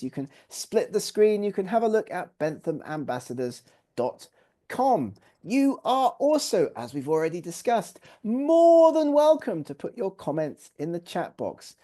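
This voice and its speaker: A man's voice: high voice, mellow. Upbeat English man hosting a webinar. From England. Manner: upbeat and welcoming, lots of praise words. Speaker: webinar host. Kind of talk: live online webinar hosting. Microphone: video call.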